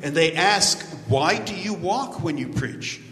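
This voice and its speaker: An older visiting preacher from the United States delivers a joking sermon in a large church hall, pausing so a live interpreter can translate. His voice is fairly high, animated, and fairly bright, and he walks about with a handheld or headset mic. The hall is echoey with faint ambience.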